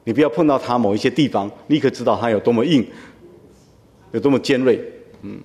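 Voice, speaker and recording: A man preaches in an easy, conversational way, pausing to check in with his listeners through quick rhetorical questions. His voice sits at an ordinary middle pitch. The sound carries a long reverb, as in a church hall. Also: darkish tone. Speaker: pastor. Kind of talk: sermon.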